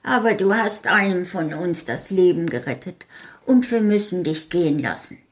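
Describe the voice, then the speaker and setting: A woman's voice: lowish voice, expressive, moderate pace, lightly acted. A woman voicing an ancient little bearded gnome man in a storybook reading, earnest and formal. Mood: solemn.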